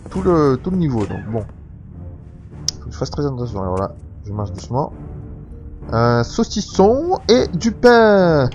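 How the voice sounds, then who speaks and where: A man's voice: medium pitch, darkish tone. Chatty man doing game commentary. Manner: chatty, laughing, swears freely. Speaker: gamer. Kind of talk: let's play commentary.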